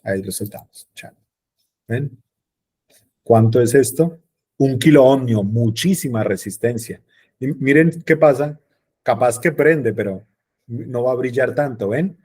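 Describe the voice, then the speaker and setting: Male teacher, casual and chatty, mid-pitched voice, often checks in with questions. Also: unhurried, pauses often, darkish tone, husky. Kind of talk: online class explaining circuits.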